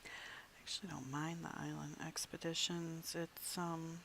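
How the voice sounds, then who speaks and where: A game streamer chats with viewers from home in a loose, rambling way. The voice carries a gravelly texture, and now and then it falls to a soft muttered aside. A light hiss sits under the recording. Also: mid-range voice, little pitch movement, normal speed. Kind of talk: casual gameplay chat to viewers.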